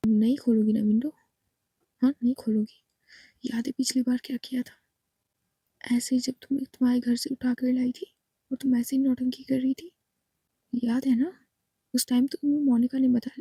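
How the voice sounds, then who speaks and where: A woman voicing a controlling, threatening young wife who issues loud demands in a low, pushed voice, in a storybook reading. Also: unhurried, breathy edge, no echo, heavily acted. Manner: menacing, commanding, raised voice.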